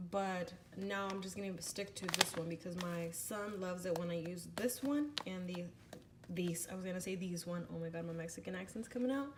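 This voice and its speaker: A woman with a medium-pitched voice narrates a casual cooking tutorial as a home vlogger, talking chattily while she cooks and correcting herself often. She films on a handheld phone camera in her kitchen, and there's a little hiss or hum.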